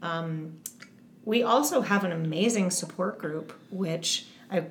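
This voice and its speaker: This is an eating disorder advocate appearing as a guest in a relaxed interview, her tone earnest and supportive as she keeps restarting her sentences about her advocacy. She speaks slowly at a fairly low pitch. There's a roomy quality to the audio, plus a faint hiss or hum.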